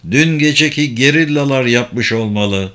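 A man reading the part of a grieving father, speaking in a hoarse voice. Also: mid-range voice, unhurried, a bit bright, lightly acted.

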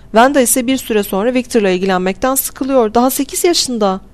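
A woman's voice: on the high side, a little fast, darkish tone, pitched above the performer's own voice, lightly acted. A woman reading aloud, voicing a frantic young mother who pleads desperately to go home to her children. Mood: desperate pleading. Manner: pleading, raised and strained.

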